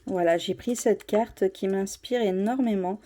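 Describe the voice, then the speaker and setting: A woman's voice: medium pitch, measured pace, dark tone. A woman chatting casually about her tarot cards, hesitant, with many fillers and restarts. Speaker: tarot vlogger. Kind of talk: casual show-and-tell.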